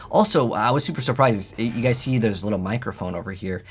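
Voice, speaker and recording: With video game music behind him, a man hosts a gaming video, offering rambling, casual, chatty gameplay commentary. His pitch is fairly low, he speaks fast, and his voice has a breathy edge.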